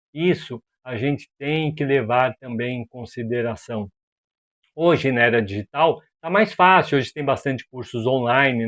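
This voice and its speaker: A Brazilian man hosts a video with casual opinion commentary, sounding animated and exasperated as he fires off rhetorical questions and slang. His voice sits in the mid range, and the recording has its highs cut off.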